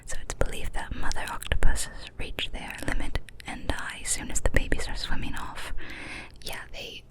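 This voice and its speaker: Young woman, ASMR host, unvoiced cupped-hand whisper, extremely close mic, small indoor room. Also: moderate pace. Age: young adult. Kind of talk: whispered ASMR, reading fun facts.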